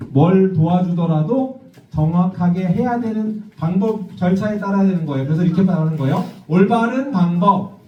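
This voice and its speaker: A man pastor telling a Bible story to children in a church, asking them questions and acting out the voices of the people in it. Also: high-pitched. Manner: lively, asks the children questions and acts out voices. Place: church hall. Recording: distant, echoey, dull church recording.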